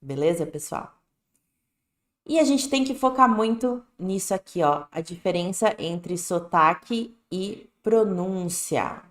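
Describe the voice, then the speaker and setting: Her voice is on the low side, animated and slow. She's a woman with a Brazilian Portuguese accent teaching English on a live stream, casual and direct, often checking in with "né?" and "tá bom?", recorded in an echoey room.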